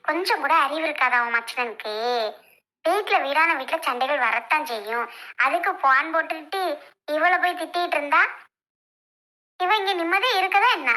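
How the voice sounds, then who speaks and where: A woman's voice: sits high, pushed and bright, rough recording. A woman playing a scolding, indignant mother-in-law who defends her daughter-in-law in a family comedy skit.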